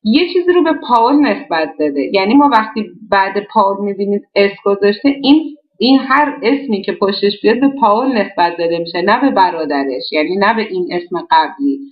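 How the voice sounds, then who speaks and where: A woman's voice: mid-range voice, expressive. A woman teacher walks through a grammar exercise, explaining each step and posing questions she then answers herself. The sound is somewhat dull and the room echoes noticeably. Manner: explains step by step, often asks and answers her own questions. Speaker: German teacher.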